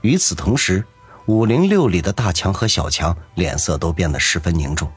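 A man narrating a serialized novel with expressive storytelling. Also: deep voice, moderate pace, slightly rough, faint music behind. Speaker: audiobook narrator.

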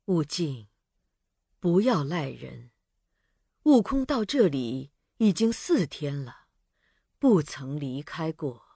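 A man voicing a calm, serene female bodhisattva in a hushed tone, in a storybook reading. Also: on the high side, takes it slowly, vocal fry, pauses often, breathy edge, no echo, clean studio sound, heavily acted.

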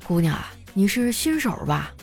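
A woman's voice: medium pitch, very animated, normal speed, a little mellow, soft background music. A woman voicing a flustered elderly man who strains as he speaks. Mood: teasing. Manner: strained, pleading.

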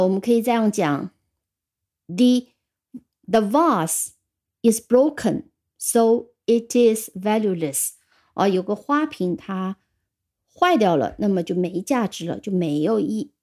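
Her pitch medium and a touch mellow, a woman patiently teaches English vocabulary in a recorded lesson, slowly spelling each word letter by letter.

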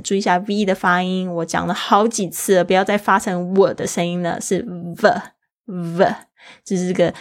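Woman teaching English pronunciation, patient. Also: lowish voice. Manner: explains patiently, spells words letter by letter. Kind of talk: casual language lesson.

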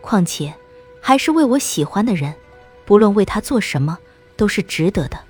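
A woman narrating a novel in the first person with expressive storytelling. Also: mid-range voice, moderate pace, slightly rough, faint music behind.

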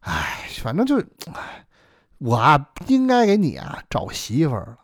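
A man's voice: mid-range voice, wildly swooping pitch, a little slow, no room sound, studio quality, heavily acted. A man voicing a kindly elderly neighbor, talking earnestly and fatherly in a storytelling performance. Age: older. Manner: earnest, self-reproaching, fatherly.

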